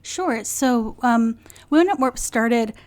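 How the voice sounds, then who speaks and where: A woman guesting on a podcast, talking in a relaxed, matter-of-fact way. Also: fairly high pitch, slow pace. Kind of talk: casual podcast chat.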